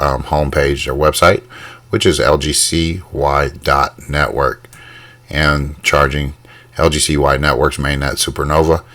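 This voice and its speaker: A man hosting a crypto channel, walking through charts on his screen in a halting, casual way with many ums and uhs. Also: rumbling low, fairly bright tone, no room sound. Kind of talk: casual screen-share walkthrough.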